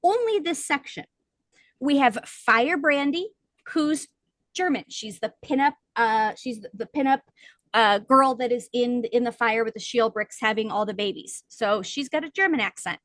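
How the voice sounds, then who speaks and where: A woman co-hosting a book podcast in casual chat, explaining points at length with lively emphasis. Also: on the high side, normal speed, dry recording. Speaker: podcast co-host.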